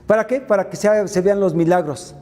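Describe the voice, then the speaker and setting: A man's voice: high voice, brisk, darkish tone, in a large hall. A man giving a motivational faith talk, retelling Bible stories with frequent filler sounds. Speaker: faith mentor and speaker.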